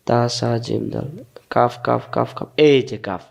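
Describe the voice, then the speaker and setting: With a medium-pitched, slightly mellow voice, steady in tone and touched with vocal fry, this man from Bangladesh guides learners through Quran recitation step by step. His Bangladeshi Bengali accent comes through as he patiently repeats every sound several times, slowly, asking and answering his own questions.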